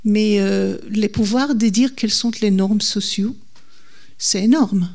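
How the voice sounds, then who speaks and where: A woman's voice: mid-range voice, vocal fry, darkish tone. A woman speaking French as a second language with a foreign accent, giving a public talk and searching for her words. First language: not French. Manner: halting, searching for words in non-native French. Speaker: guest speaker, legal historian. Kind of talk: public lecture in answer to a question.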